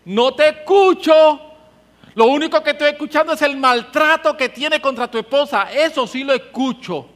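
A man preacher voicing God as a stern divine father who scolds his listeners loudly and emphatically. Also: sits high, animated, normal speed. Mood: stern scolding. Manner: loud, emphatic, reproachful.

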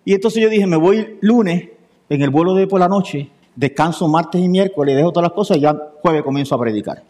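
A man's voice: high voice, fairly quick. A male preacher. He tells a personal story from the pulpit and voices the other people's lines as he goes. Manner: lively storyteller acting out dialogue. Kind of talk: sermon storytelling.

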